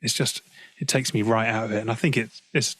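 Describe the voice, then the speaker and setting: A man with a British accent, a guest singer-songwriter chatting casually in an interview from home, relaxed and quick to laugh. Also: medium pitch, no echo. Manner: relaxed, chatty, laughs easily, frequent "you know". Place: at home practicing, on a call.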